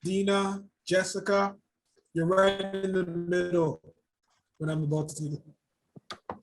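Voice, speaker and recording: A man's voice: high voice, level tone, takes it slowly. Man on glitchy, choppy call audio. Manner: coaxing, repeats himself. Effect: glitchy, choppy video-call audio. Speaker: instructor. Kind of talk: online class, coaxing students. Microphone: video call.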